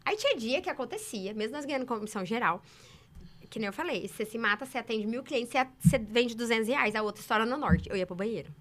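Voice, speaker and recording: A woman from Brazil telling sales stories in a casual interview, emphatic and animated. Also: fairly high pitch. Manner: animated, emphatic, quick talker. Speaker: saleswoman guest.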